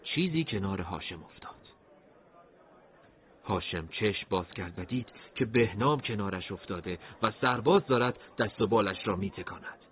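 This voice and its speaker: A man narrating a dramatic story in an expressive, animated reading, on a dull lo-fi recording. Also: fairly low pitch, husky.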